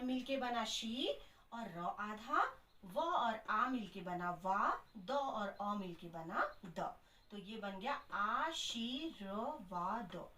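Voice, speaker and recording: A woman teaching children Hindi spelling in a classroom lesson, slowly sounding out each letter step by step. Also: high voice, fairly bright tone, far from the mic. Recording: echoey room, voice from off mic.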